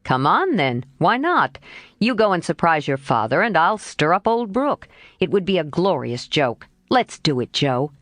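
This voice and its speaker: A woman's voice: lowish voice, very animated, unhurried, fairly bright tone, dry recording, studio quality. A woman reading an audiobook voicing a willful teenage boy in a coaxing, insinuating manner.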